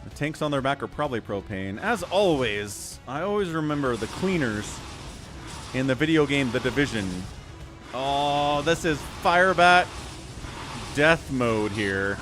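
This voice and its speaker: A man's voice: mid-range voice, expressive, a little slow, over music. A man giving casual, wry livestream commentary on a strategy game, with chatty asides.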